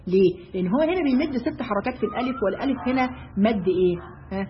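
Fast-talking Egyptian woman teaching. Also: a little high, lively intonation. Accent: Egyptian Arabic. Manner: brisk, asks her listeners rhetorical questions. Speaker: religious teacher. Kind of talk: religious lesson for women. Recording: dull lo-fi recording.

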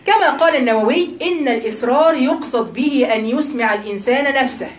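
A woman with an Egyptian Arabic accent giving a religious lesson to a group of women, talking in a lively, teasing, conversational way. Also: high voice, quick pace, roomy sound. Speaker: religious teacher.

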